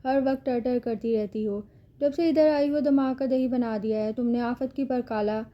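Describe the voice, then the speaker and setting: A woman's voice: fairly high pitch, steady tone, lo-fi sound, close to an everyday voice. A woman reading the part of a cruel, vengeful young man who has kidnapped a girl, speaking in a threatening, mocking way. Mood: menacing. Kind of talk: audiobook character reading.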